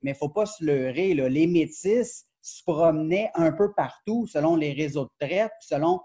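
Animated Québécois man on a webcam. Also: fairly high pitch, a little slow, slightly rough. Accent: Quebec French. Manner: animated, gestures a lot, many fillers and restarts. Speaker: professor and book author, guest. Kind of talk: academic interview over video call. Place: glass-walled sunroom indoors. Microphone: video call webcam.

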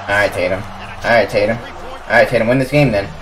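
A young man casually reacting to basketball highlights, talking to the players on screen in slangy chat and yelling at big plays. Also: a little fast, recorded from a distance, rough recording. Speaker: sports reaction YouTuber. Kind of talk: live reaction commentary.

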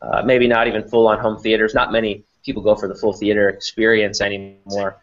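On a video call from a small indoor office, a company president in middle age gives explanations as an interview guest in a lowish, flat voice at a fairly quick clip. His computer mic produces dull, lo-fi audio.

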